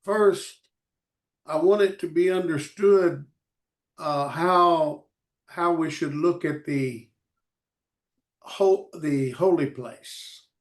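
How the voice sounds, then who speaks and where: A man teaching a Bible study in short phrases, pausing for an interpreter, halting with many fillers. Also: fairly high pitch.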